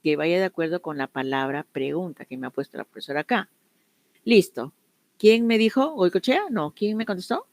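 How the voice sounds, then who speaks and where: Woman, English teacher, online class, low-ish voice, dry sound. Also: expressive, normal speed, a little mellow, no echo. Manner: explains step by step, switching between Spanish and English examples.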